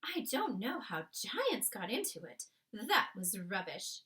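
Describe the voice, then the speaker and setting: A woman's voice: medium pitch, big pitch swings, takes it slowly, pushed and bright, full character voice. A woman voicing a genteel, self-controlled queen who is easily horrified, with exclamatory old-fashioned phrasing, in a storybook reading. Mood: shaken, earnest.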